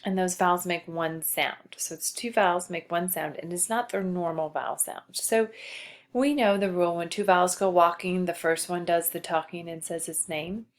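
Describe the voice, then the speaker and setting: Teacher lady walking a kid thru spelling, patient, slow, lowish voice. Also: fairly even intonation. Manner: patient, explains slowly and spells out letters. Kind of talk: spelling lesson for a child.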